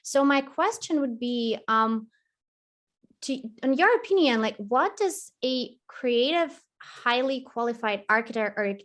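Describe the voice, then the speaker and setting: A woman's voice: on the high side, animated, unhurried, a bit bright. A young woman interviewing a guest, upbeat and casual, with many fillers like "um" and "like". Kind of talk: casual interview, video call.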